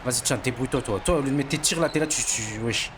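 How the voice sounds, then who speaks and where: Young man, excitable streamer, mid-pitched, cocky slangy commentary, noisy game audio behind. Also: fast. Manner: boastful, excitable, slangy trash talk to viewers. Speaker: gaming streamer. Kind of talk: casual gameplay commentary.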